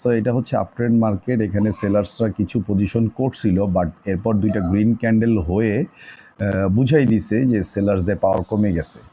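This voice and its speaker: A man with a low, deep voice talks through a trading lesson. His tone is dark and mellow. He chats loosely, repeats himself and leans on fillers as he explains. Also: normal speed, a little hiss or hum. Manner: chatty, repeats points, many fillers. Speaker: trading tutor. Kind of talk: casual screen-recorded trading lesson.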